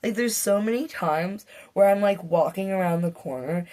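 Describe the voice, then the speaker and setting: A woman's voice: medium pitch, moderate pace, dark tone. A middle-aged woman vlogging a casual rant to camera, swearing heatedly and rambling with fillers and restarts. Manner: profane, heated ranting.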